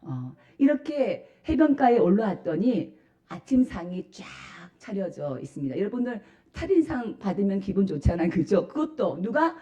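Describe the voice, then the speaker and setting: Woman pastor preaching with lively pitch swings. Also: normal speed, dull audio. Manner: asks the congregation rhetorical questions; animated, emphatic preaching. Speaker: senior pastor. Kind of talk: Sunday sermon. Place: church sanctuary.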